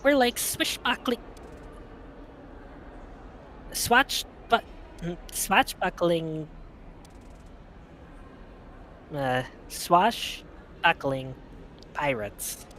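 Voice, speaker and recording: A man voicing an upbeat, excitable young woman heroine while reading a visual novel aloud, playful and tripping over words. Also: a little high, a little fast, slight background noise, natural voice. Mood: excited.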